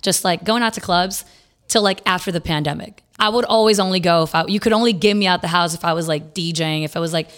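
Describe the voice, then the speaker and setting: A woman's voice: fairly low pitch, fast talker, fairly bright tone. A young adult woman from Los Angeles, a guest DJ chatting casually on a podcast, loose and profane with lots of "like" fillers. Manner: chatty, swears freely, many "like" fillers.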